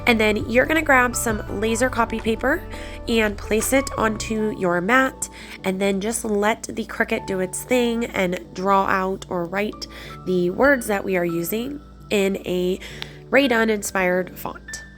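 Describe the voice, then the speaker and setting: A woman with a breathy, slightly congested voice from a cold, narrating a craft tutorial in a chatty, encouraging way. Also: mid-range voice, measured pace, a bit bright. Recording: background music under the voice. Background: music.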